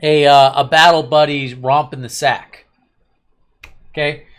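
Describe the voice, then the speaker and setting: A man's voice: fairly high pitch, level tone, a little slow, a bit bright. A man hosting a casual anime review chat, rambling and opinionated with a sarcastic edge. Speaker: host of an anime review channel.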